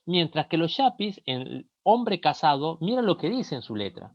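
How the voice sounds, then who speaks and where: A man's voice: fairly high pitch, very animated, moderate pace, dry recording, highs cut off. A man with a Peruvian Spanish accent giving a recorded lesson, explaining each point and reading song lyrics aloud to make it. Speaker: lecturer.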